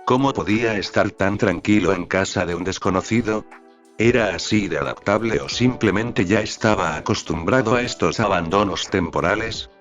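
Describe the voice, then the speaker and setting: A man with a low voice reads a story aloud at a steady, even pace. The recording sounds a little dull, and faint music plays underneath. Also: normal speed. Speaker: narrator. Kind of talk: fan fiction reading. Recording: slightly dull audio with faint background music.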